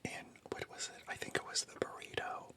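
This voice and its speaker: Slow, whispering ASMR food-tasting host.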